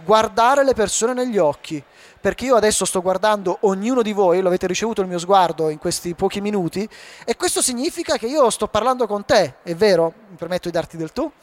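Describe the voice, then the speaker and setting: A man giving a live talk on public speaking to an audience, animated and asking them rhetorical questions. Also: high voice, brisk. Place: hall before a live audience.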